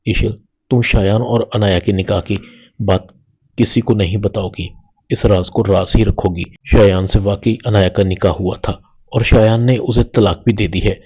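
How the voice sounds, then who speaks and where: A man reading the firm, advising lines of a protective mother, with a husky low voice. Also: fairly even intonation, a little mellow, muffled recording.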